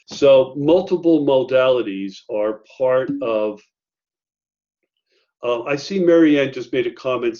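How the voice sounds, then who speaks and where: A man's voice: mid-range voice, darkish tone. A man presenting an online training workshop for teachers in a conversational way, with many fillers and asides. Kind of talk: online faculty training talk. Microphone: video call. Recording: muffled video-call audio.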